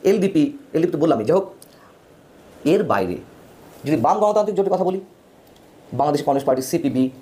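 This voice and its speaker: A man giving opinionated political news commentary, emphatic, with his pitch swinging widely between phrases. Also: animated, fast, pauses often, mellow.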